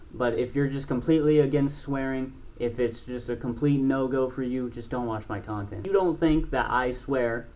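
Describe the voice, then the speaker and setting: A man's voice: medium pitch, darkish tone. A man in his twenties, a gaming YouTuber, talking casually and bluntly to camera, rambling with many restarts and fillers. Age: 20s. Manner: blunt and frank, swears.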